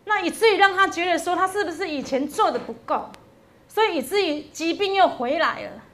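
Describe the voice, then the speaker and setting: A woman's voice: very high voice, lively intonation, brisk, a bit bright. A woman preaches a Sunday sermon. She tells a story in a conversational way and then builds to emphatic, rising exhortation.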